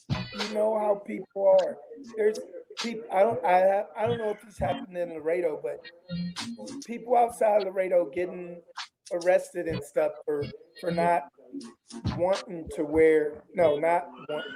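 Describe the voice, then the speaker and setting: A man chatting casually as a show guest, speaking haltingly and repeating words as he searches for the next one. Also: high voice, low-quality recording. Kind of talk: casual chat.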